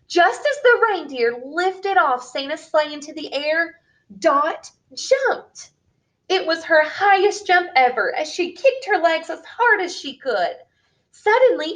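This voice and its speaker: With an extremely high pitch, a woman narrates a picture book for young children, expressive and unhurried. The recording is rough.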